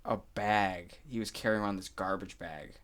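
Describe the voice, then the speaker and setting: A man's voice: deep voice, fairly even intonation, moderate pace, a bit bright. A man in his thirties hosting a podcast, talking in a reflective, earnest way with many "like"s and "you know what I mean"s. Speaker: podcast host. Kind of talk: casual podcast conversation.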